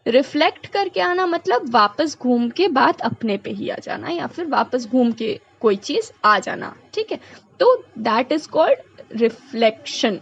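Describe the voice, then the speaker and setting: A woman's voice: high-pitched, sing-song, gravelly, slightly rough, dull audio. A woman teacher, working through a grammar lesson step by step and answering her own questions. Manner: reads English sentences slowly, explains in quick Hindi.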